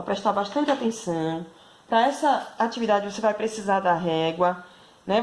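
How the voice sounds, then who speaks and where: A woman with a Brazilian Portuguese accent giving a video math lesson to schoolchildren, explaining patiently and checking in with constant tag questions. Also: mid-range voice. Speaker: primary school math teacher.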